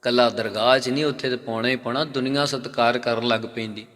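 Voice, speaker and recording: A male Sikh preacher delivering a sermon with a bright, forceful voice. He poses questions and answers them himself, and he slows down to chant the scripture lines. His voice rings out with a long reverb trailing behind it. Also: medium pitch, fairly even intonation.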